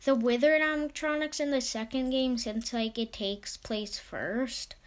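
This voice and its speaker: Casual fan podcaster, female-sounding, mid-pitched, slow and hesitant, unscripted, trails off mid-thought. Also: fairly even intonation, clean tone. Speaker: podcast host. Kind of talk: casual fan theory commentary.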